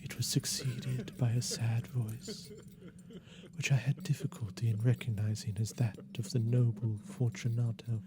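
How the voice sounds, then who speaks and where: A man giving a theatrical, deliberate and intense first-person reading of a gothic story as its narrator. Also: mid-range voice, little pitch movement, a crowd in the background.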